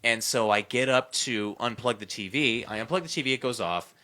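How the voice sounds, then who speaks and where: A man's voice: medium pitch, a little fast, pushed and bright. A man hosting a casual podcast, telling a story in a rambling way, full of fillers and restarts. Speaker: podcast host.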